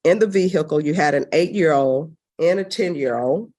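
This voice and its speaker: Woman judge on the bench, brisk and stern, lowish voice, courtroom recording. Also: warm tone. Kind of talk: formal courtroom proceedings.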